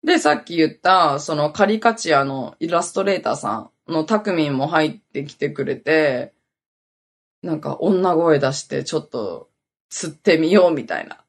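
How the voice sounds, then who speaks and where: Husky-voiced woman chatting animatedly. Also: low-pitched, lively intonation, normal speed. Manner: rambling anecdotal storytelling with many fillers. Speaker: podcast host. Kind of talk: casual chat.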